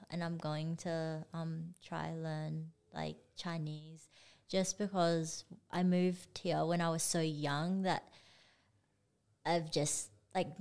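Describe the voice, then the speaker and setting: Young woman from Singapore, slow and unhurried, fairly low voice, easygoing chat. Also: smooth. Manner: relaxed, laughs often, trailing sentences. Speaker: artist. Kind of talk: casual chat.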